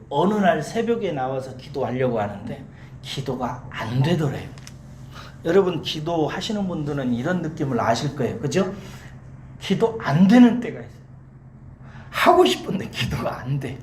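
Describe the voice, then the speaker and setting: Animated pastor preaching in an echoey church. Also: mid-range voice, normal speed, a little hiss or hum. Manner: animated storytelling with rhetorical questions to the congregation. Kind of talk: sermon. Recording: echoey church hall, faint ambience.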